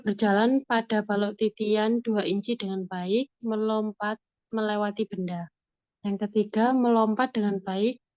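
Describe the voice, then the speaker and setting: A woman's voice: medium pitch, no room sound, lo-fi sound. Woman reading aloud. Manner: careful, formal reading. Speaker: seminar participant, a mother.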